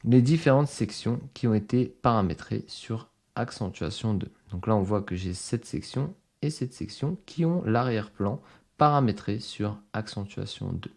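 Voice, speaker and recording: A man with a fairly low voice and a gravelly edge guides viewers through a screen-recorded tutorial. He explains each step plainly and talks straight to the audience. His delivery is that of a patient online course instructor. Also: expressive, moderate pace, darkish tone.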